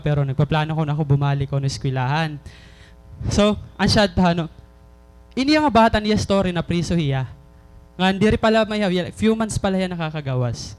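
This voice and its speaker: A Filipino-accented man preaching with a fairly high voice. He keeps turning to the congregation with questions and slows down to press his main points home. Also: clean tone. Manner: switches between Waray and English, asks the congregation questions. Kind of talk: sermon.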